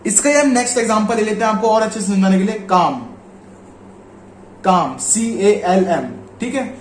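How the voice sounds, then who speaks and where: A man with an Indian Hindi accent, teaching a shorthand lesson in a casual, patient way and repeating example words slowly. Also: high voice, slight background noise.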